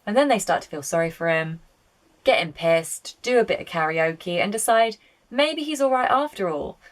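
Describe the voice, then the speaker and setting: A woman's voice: lowish voice, lively intonation, normal speed. A woman giving casual video-essay film commentary, chatty, opinionated and prone to swearing. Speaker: film reviewer.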